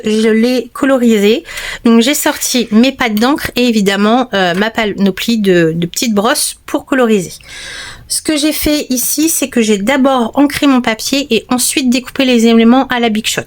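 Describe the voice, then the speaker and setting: Chatty woman with a slightly high voice. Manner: chatty, hesitant, many fillers and restarts. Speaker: card-making tutorial host. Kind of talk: casual crafting tutorial. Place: craft table at home at night, under a lamp.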